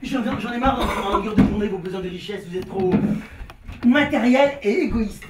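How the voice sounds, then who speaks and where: A man's voice: high voice, normal speed, far from the mic, very noisy, natural voice. An actor playing a naive, anxious man who complains and dreams of a family, in a live stage comedy. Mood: exasperated. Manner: fretful, complaining, breaks into singing. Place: theater stage. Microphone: distant room mic. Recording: echoey live stage recording from afar.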